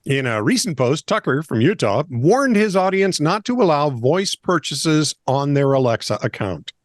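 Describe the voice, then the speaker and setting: On a comedy podcast about odd news, a man with a slightly high voice co-hosts, reading out stories at a normal speed. His delivery is lively and playful, full of wry jokes. There's no room sound.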